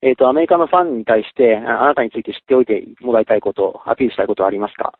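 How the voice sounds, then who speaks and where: Male interpreter, very rapid speech at a medium pitch, consecutive relay over telephone audio. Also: expressive, husky, no room sound. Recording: dry, thin phone line.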